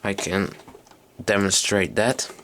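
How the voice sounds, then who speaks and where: Slow and steady, a man with a low, sharp-toned voice walks through a tape recorder in a casual electronics-hobbyist demo. He's unscripted and hesitant, thinking out loud while handling it. A little hiss or hum is audible.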